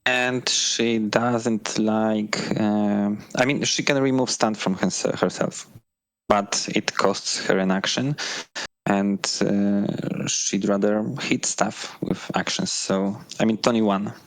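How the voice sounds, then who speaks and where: Hesitant low-voiced man from Poland. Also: steady tone, no room sound, rough recording. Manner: hesitant, many fillers and pauses. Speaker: guest player. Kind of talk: casual gaming discussion.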